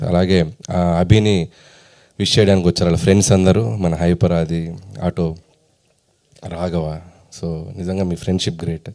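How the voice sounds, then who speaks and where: A middle-aged man, a film director, giving a relaxed, friendly speech at a press event, mixing in English phrases. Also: low-pitched. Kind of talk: informal press meet speech.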